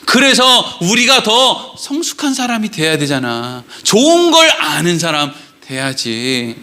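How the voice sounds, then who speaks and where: A man's voice: high-pitched, big pitch swings, a little slow, bright, forceful tone, slight background noise. A male pastor preaching a Sunday sermon in a conversational way, often asking the congregation rhetorical questions.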